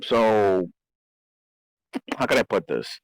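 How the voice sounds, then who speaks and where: A man's voice: fairly low pitch, very animated, slow, dry recording, poor audio. A man in casual talk, explaining game strategy and often restarting and repeating his phrases for emphasis. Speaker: host. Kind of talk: casual gaming strategy discussion.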